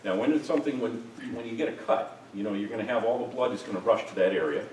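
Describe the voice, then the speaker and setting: A middle-aged man instructing a group in a hands-on demonstration, relaxed and joking as he works. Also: on the low side, quick pace. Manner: relaxed, jokey, talks while working. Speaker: first aid instructor. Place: room with participants. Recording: echoey room, distant mic, noisy.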